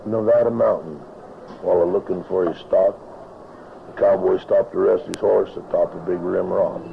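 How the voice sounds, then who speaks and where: Real deep gravelly western american guy reciting cowboy poetry, plainspoken rhymes, kinda noisy old recording. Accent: American West. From northern Arizona, United States. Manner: plainspoken, rhythmic rhyming delivery with folksy ranch grammar. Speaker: cowboy poet. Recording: dull lo-fi, steady background noise.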